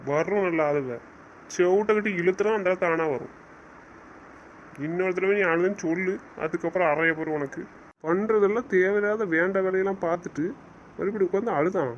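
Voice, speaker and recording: Stern, fast-talking high-voiced man. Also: muffled recording, slight background noise. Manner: stern, scolding, commanding. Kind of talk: casual audio drama acting.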